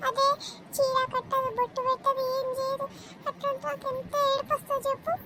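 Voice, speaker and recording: A woman's voice: very high voice, completely flat delivery, a little fast, music in the background. A woman voicing a fussy, tearful old mother-in-law in a cartoon, talking in a pleading, long-winded way. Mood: complaining.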